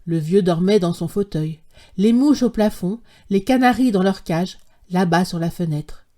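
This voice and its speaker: A woman narrating a classic short story as an audiobook, in a measured, literary reading style. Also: lowish voice, dark tone.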